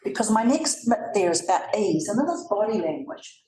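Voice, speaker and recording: In an event room with a crowd audible behind her, a New Zealand-accented woman presenter speaks at a moderate pace in a mid-range voice full of big pitch swings. Her talk is conversational, with asides to the live audience, recorded roomy and from a distance.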